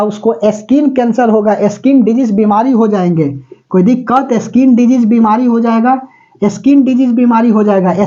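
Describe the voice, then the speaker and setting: A man's voice: very high voice, warm tone, highs cut off. A male teacher giving a chatty classroom lecture, mixing English terms into his talk and often checking that students follow. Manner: mixes English terms into Hindi; breaks into snatches of song.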